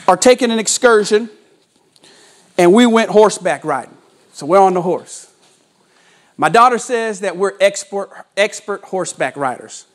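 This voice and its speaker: A sales coach in his forties delivers a motivational sales training talk to an office room, using dramatic pauses and storytelling. His voice sits high, and he's on a lapel mic as he walks and gestures.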